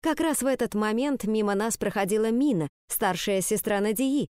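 A woman narrating a story in the first person with a lively storytelling manner. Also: medium pitch, normal speed, smooth, dry recording, clean studio sound. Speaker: audiobook narrator. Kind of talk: audiobook reading.

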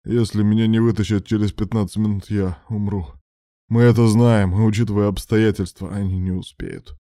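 A man voicing a dying young father trapped in a wrecked car, speaking in a strained, slow and breathy way. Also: fairly low pitch, steady tone, mellow, no echo, clean studio sound, natural voice. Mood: weak, pleading.

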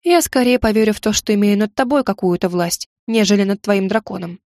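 A woman reading an audiobook gives voice to a proud young witch, sarcastic and quick to snap back. Her tone sits close to the narrator's own, recorded dry and close. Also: mid-range voice, darkish tone, dry recording, natural voice. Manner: sarcastic, snapping. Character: young witch heroine, sharp-tongued, proud.

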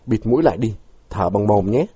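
A man's voice: on the low side, animated, brisk, mellow, slightly rough, no echo. A man reading a story, voicing a clever young boy who leads his gang and talks bluntly and bossily, on a dull lo-fi recording. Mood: bossy. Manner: blunt, commanding kid talk.

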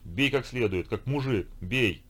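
A man's voice: medium pitch, lively intonation, unhurried, a bit bright, pitched above the performer's own voice. A man reading an audiobook voices a harsh, unyielding middle-aged stepfather who barks orders. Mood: cold. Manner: commanding, barking orders.

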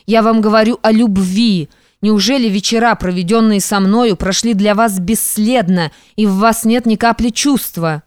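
A woman's voice: mid-range voice, fairly even intonation, normal speed, a little mellow, clean tone, no room sound, clean studio sound, close to an everyday voice. A woman reading the part of an ardent young man who pleads heatedly and nearly breaks into tears. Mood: pleading. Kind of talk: audiobook reading.

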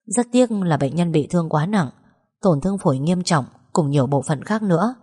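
Lady reading a sad serious doctor guy, low and slow, big reverb. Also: lively intonation, warm tone, husky. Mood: grave. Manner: grave, measured. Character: sombre male doctor. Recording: long reverb.

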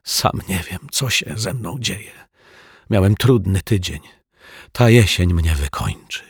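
A man voicing a hot-tempered male building caretaker who shouts indignantly, in a storybook reading. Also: deep voice, a little slow, breathy edge, dry recording, clean studio sound, heavily acted. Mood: ashamed.

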